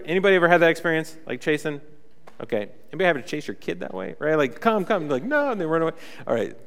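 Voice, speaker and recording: Joking pastor in a reverberant church hall. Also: male voice, fairly high pitch. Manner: casual, joking, animated storytelling with many fillers. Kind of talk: sermon.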